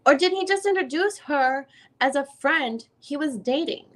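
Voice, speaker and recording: A woman dramatically reads a legal transcript in the part of a lawyer deposing a witness, her questioning formal, methodical and probing. She speaks at normal speed with a high-pitched, expressive voice.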